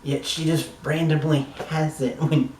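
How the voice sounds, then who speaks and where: Recorded from a distance in an echoing room with faint background noise, a man reviews a TV episode in a casual, slow drawl. His voice is on the high side, dark, and fairly even in intonation, and he rambles like an enthusiastic fan, occasionally swearing.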